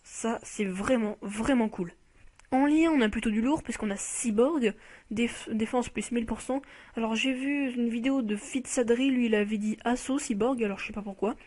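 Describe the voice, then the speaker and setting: A woman with a fairly high voice talks through a game card in a relaxed, unscripted commentary. She is chatty and keen, stumbling over her words and filling pauses as she thinks aloud. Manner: hesitant, with many fillers and restarts; chatty and enthusiastic about the card. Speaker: YouTuber reviewing a mobile game card. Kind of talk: casual spoken game commentary.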